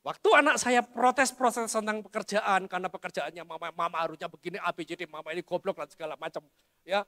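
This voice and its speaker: Bright-voiced pastor preaching in a hall. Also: male voice, sits high, steady tone, fast talker. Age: middle-aged. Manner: addresses the congregation as "saudara", storytelling with humor. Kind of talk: sermon. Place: large church hall. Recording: long church hall reverb.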